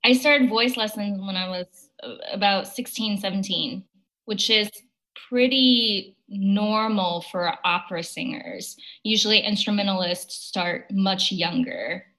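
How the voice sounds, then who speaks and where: A young woman from China speaks in a bright, clear-edged voice over a video call. She answers interview questions thoughtfully, with plenty of "um"s along the way. Her pitch sits in a middle range for a woman. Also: animated, a little slow, low-quality recording. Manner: thoughtful, with frequent fillers and light laughs. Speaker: opera singer, guest.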